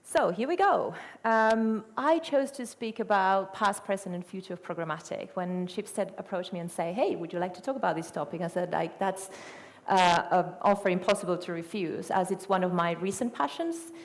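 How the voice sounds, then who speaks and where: Her pitch is medium and her speed normal as this native Spanish speaker from Argentina, middle-aged and with an Argentine Spanish accent, delivers a conference talk. She leans on fillers, corrects herself and poses rhetorical questions, all echoing in a reverberant hall.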